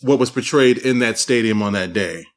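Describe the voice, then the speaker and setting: A man's voice: fairly low pitch, normal speed. A man hosting a casual interview podcast, thinking aloud and often repeating words as he frames his questions. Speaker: podcast host.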